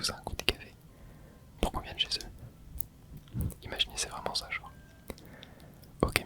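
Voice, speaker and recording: A video creator speaks in a steady, hushed whisper, as quiet as someone up late at night. The delivery is casual and rambling ASMR game commentary, thinking aloud close to the microphone.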